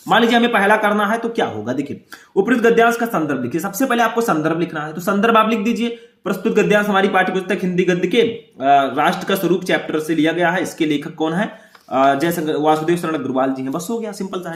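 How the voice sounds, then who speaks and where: A young man teaching an exam-prep lesson, explaining questions step by step and reading passages slowly aloud. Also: high-pitched. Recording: echoey room.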